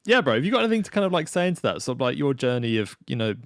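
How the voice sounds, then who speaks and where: A man hosting a podcast in a relaxed, rambling way, full of "like" and "you know". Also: medium pitch, very fast, dry recording, studio quality. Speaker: podcast host. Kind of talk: casual conversation.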